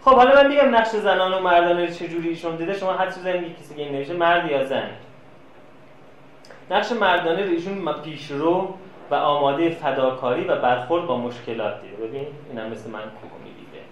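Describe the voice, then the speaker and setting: A man with a fairly high voice gives a classroom lecture as a lively storyteller, sharing anecdotes and acting out quoted dialogue. The recording is muffled, with an echoey room and faint background noise.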